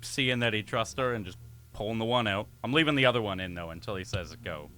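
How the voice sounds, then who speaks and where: A man's voice: on the low side, quick pace, sharp tone. A man playing a tabletop game, casually describing what his character does. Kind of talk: casual in-game role-play.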